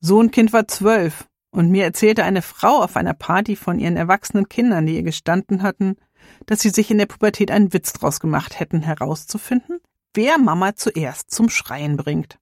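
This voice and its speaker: A woman, a mother, reading her own story in a quiet, reflective way. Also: mid-range voice, no echo, studio quality. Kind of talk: scripted personal narration.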